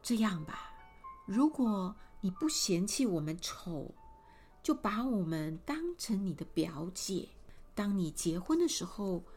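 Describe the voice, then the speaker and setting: A woman voicing three odd, kindly spinning women in a fairy tale, calm and coaxing. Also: medium pitch.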